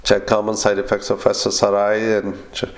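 A man dictating clinical notes in halting, clipped phrases, speaking punctuation and formatting commands aloud as a clinician. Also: on the low side, completely flat delivery, slight background noise.

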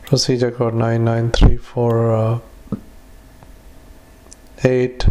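Guy doctor dictating into a dictaphone, dead flat monotone, lots of uhs, faint hiss and clicks. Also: medium pitch. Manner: halting, many fillers, reads punctuation aloud. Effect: dictaphone recording. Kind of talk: medical dictation. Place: retirement community.

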